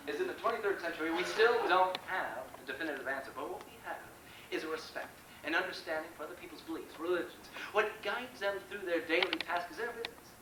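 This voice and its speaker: Man playing indignant deluded space captain, theatrical stage comedy, grandiose dramatic pauses, distant mic, clear background noise. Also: a little high, lightly acted. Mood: solemn. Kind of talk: theatrical comic stage monologue. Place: indoor stage performance. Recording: roomy, distant mic, noisy stage recording.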